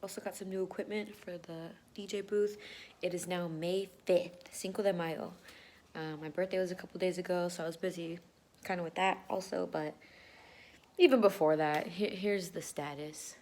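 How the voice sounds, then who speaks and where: A woman's voice: fairly low pitch, steady tone, moderate pace, darkish tone. A woman chatting casually to camera for a vlog, slangy and offhand, sometimes dropping into half-whispered asides. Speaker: vlogger. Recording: noticeable background noise.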